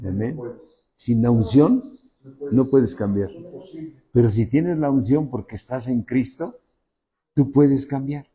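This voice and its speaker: A man preaching a sermon as pastor, emphatic and drawn out, rising to loud high peaks and dropping to soft low asides. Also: slow pace, pauses often.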